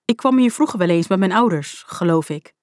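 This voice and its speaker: A woman voicing an excitable teenage boy in a storybook, eager and quick to hurry his friends along. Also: lowish voice, dry recording, studio quality, close to an everyday voice. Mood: unsure. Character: excitable teenage boy, sprinkles in English words.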